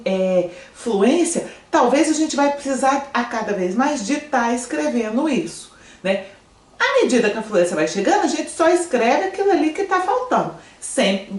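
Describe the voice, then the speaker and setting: This woman's voice is a little high, picked up far from the mic with a roomy sound. She's a French teacher from Brazil running an online language class from a room, facing a screen. Lively in manner, she questions her students often to make sure they keep up.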